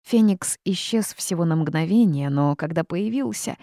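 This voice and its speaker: A woman reading a first-person audiobook, telling the story in a lively way with the heroine's asides. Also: fairly low pitch, normal speed, dry recording, studio quality. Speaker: audiobook narrator.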